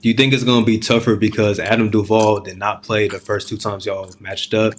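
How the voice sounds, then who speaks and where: Low-voiced man hosting a casual sports interview. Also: level tone, fairly quick. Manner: informal slangy phrasing. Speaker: sports talk show host interviewing a player.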